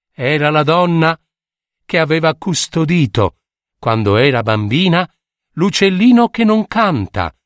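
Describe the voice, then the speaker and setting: A man's voice: fairly high pitch, fairly bright tone, no room sound, studio quality. A man reading a fairy tale aloud in a theatrical, dramatic way. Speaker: storyteller.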